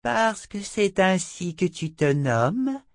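Cold imperious old seer woman, read by a man, slow and dry. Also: high-pitched, very animated, dry recording, pitched above the performer's own voice, full character voice. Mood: insistent. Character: old female seer, harsh and scornful. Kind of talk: audiobook character voice.

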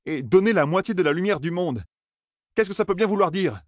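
A fiery young man, as a male reader puts him on in a storybook, shouting and cursing, his voice pushed high and strained. The tone is husky and dry, with no room around it. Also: lively intonation, a little fast, dry recording. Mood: angry demanding. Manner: shouting, exasperated. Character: brash young man, angry, cursing and demanding.

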